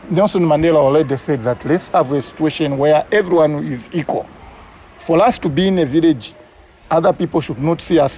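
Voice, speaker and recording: A man's voice: a little high, dark tone, a little hiss or hum. A Zambian man, a community conservation coordinator, recounting his story earnestly in an interview. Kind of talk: interview recollection.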